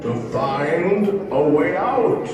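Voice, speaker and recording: Creepy theatrical ghost host, slow villain menace, swooping tone, super echoey and far off. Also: male voice, a little high, animated. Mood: ominous, courtly. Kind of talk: scripted theme park attraction narration. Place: played over speakers in an indoor attraction room. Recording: echoing hall, distant speakers, some noise.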